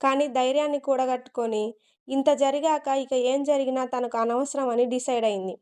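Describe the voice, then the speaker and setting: High, clear-voiced woman storyteller. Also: fairly even intonation, moderate pace, a little mellow. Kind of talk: dramatic story narration.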